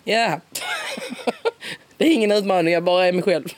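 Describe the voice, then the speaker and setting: A woman with a broad Scanian accent chatting in a relaxed interview, talkative and quick to laugh. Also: on the low side, no echo. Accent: broad Scanian Swedish. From Skåne, southern Sweden. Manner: chatty, laughs often, lively. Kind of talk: casual conversational interview.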